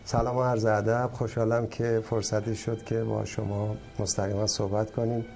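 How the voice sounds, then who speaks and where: A male guest with a low, flat, mellow voice, speaking politely and formally. Faint music plays behind him. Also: creaky. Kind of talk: formal greeting.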